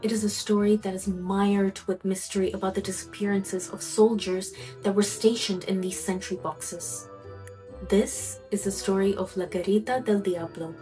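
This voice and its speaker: A woman narrating a spooky folk tale as a storyteller, slow and suspenseful, lingering on pauses. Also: medium pitch, steady tone, warm tone, soft background music, rough recording.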